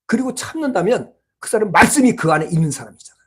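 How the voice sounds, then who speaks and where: A pastor preaching a sermon in a small church, telling a personal story and swinging between loud exclamations and hushed asides. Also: medium pitch, big pitch swings, fast talker, slightly rough.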